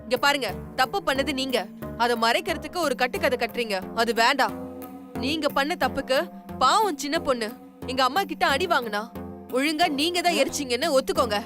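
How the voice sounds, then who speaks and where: A woman's voice: high-pitched, fairly quick, natural voice. An actress playing a defiant young woman. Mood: determined. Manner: firm, insistent, confrontational. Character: defiant young woman standing up for her sister. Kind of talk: TV serial acting. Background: music.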